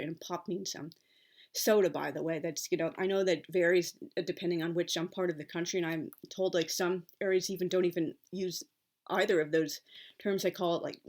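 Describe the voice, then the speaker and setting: Lowish-voiced woman with a Pittsburgh accent. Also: a little mellow. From Pittsburgh, Pennsylvania, United States. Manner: halting, rambling, opinionated. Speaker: writer giving writing advice. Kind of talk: informal explanatory talk.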